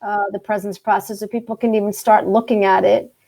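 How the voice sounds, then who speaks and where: A woman's voice: medium pitch, little pitch movement, brisk, vocal fry, mellow. A woman hosting a casual group discussion over a video call, talking with enthusiasm, repeating herself and joking. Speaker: host.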